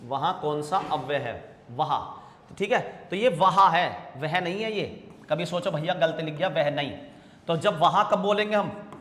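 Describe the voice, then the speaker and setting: Man, grammar teacher, somewhat high voice, repeats answers, roomy echo with long reverb. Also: a bit bright, slight background noise. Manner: drawn-out repetition of answers; calls students 'bhaiya' and 'beta'. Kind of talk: exam-prep grammar lesson. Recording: echoey room with long reverb.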